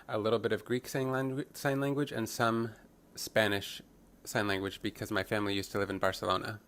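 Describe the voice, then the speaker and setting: A man with a fairly low voice works as a live interpreter for a fitness class. He calls out workout instructions in an upbeat coaching manner. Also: a bit bright.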